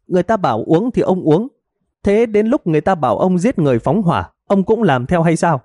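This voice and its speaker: A man's voice: high-pitched, lively intonation, moderate pace, darkish tone, no room sound, clean studio sound, voice pushed up. A man voicing a hot-tempered middle-aged village wife who scolds and wails melodramatically in a storybook reading. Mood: scolding.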